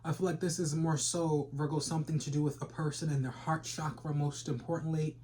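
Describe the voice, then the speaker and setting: A man's voice: on the high side, flat delivery, a little fast, darkish tone, a little hiss or hum. A man giving a rambling, casual tarot reading full of slang and repeated phrases. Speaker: tarot reader.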